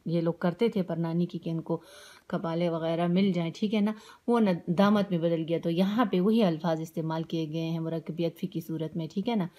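A woman teacher with a Pakistani Urdu accent and a low, warm voice reads a story aloud. She stops often to explain words with simple synonyms and keeps checking whether her students follow. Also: fairly even intonation. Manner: keeps asking "ٹھیک ہے نا".

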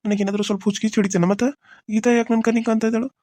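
A man's voice: sits high, level tone, rapid-fire, a little mellow, no room sound, natural voice. A man voicing a moody young cartoon husband. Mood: confused. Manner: brooding, harsh, then pleading. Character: young husband, moody, torn between two women. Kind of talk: cartoon serial voice acting.

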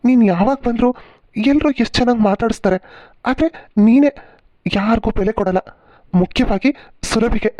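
A woman's voice: on the high side, moderate pace, pauses often, warm tone, no echo, close to an everyday voice. A woman voicing a family member in a cartoon serial, scolding and then reassuring. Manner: scolding, questioning.

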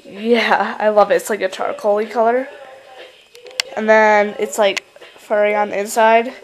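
Speaking at a measured pace in a level, medium-pitched voice, a teenage New Yorker presents a casual model horse show-and-tell vlog from her bedroom at night, filming it handheld. She is chatty and rambling, full of fillers, and the poor audio has a crowd in the background.

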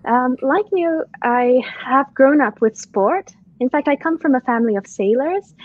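A Singaporean woman in her thirties, a course co-founder, introduces herself on a video call from an indoor room, warmly telling self-deprecating stories about her sporting life with light laughs. Her voice is high and measured. The laptop or webcam audio sounds dull and dry.

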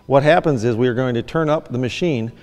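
A man's voice: mid-range voice, brisk, darkish tone, in a large hall. A middle-aged man from Michigan, a fab shop owner giving a plain, practical welding lesson, often saying "actually". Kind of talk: instructional demonstration. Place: large indoor workshop.

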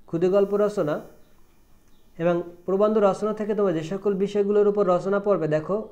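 A man's voice: sits high, warm tone, dull audio. A man teaching from Bangladesh, with a Bangladeshi Bengali accent, reads out a syllabus item by item and speaks directly to his students. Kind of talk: reading out a syllabus list.

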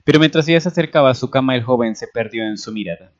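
A man reading a romantic fan story aloud as narrator, in a measured storytelling manner. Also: mid-range voice. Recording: dull lo-fi recording.

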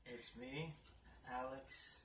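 Young male co-host, casual and animated, picked up from a distance with noticeable background noise. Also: medium pitch, drawn-out words. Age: young adult. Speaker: vlogger, co-host of a couple's challenge video. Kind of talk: casual couple banter. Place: living room at home, indoors. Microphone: camera mic a few feet away. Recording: roomy distant camera mic, clear background noise.

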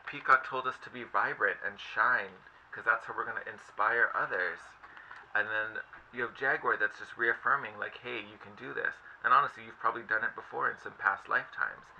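Gravelly, bright-voiced man giving an excited tarot reading. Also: on the low side, normal speed. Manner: enthusiastic, effusive, chatty with many fillers. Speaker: tarot reader. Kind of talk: casual spoken tarot reading. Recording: slightly dull lo-fi audio with faint noise.

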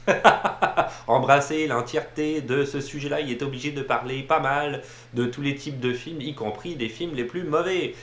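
A man's voice: mid-range voice, fairly bright tone. A man casually reviewing films, rambling with many fillers and repeated words. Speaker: film reviewer. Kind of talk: casual film review talk. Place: room with a TV playing behind him. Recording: roomy echo, faint ambient noise.

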